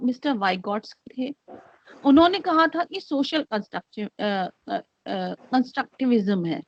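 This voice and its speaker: A woman giving an online lecture, speaking slowly and hesitantly with many fillers, mixing Hindi and English. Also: fairly high pitch, dry recording. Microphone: computer mic on a video call. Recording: dry, dull lo-fi call audio.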